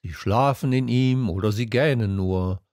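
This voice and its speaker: A man's voice: fairly low pitch, measured pace, darkish tone, dry recording. A man reading an audiobook and voicing a weary, matter-of-fact railway switchman with a dry, resigned manner.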